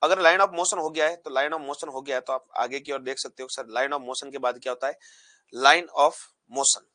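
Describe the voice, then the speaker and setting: A man's voice: medium pitch, measured pace, dry recording. A man teaching a physics lesson, asking the class questions and repeating key terms back as answers. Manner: animated, acts out particles pushing apart.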